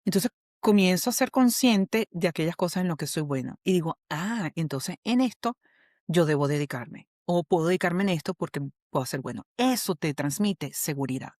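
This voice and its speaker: Speaking as a podcast guest, a Venezuelan-accented woman who works as an HR specialist and coach walks through a model patiently, like a teacher, often checking that the listener follows. Her voice is on the low side and darkish, with lively intonation at a moderate pace, recorded in clean studio quality without echo.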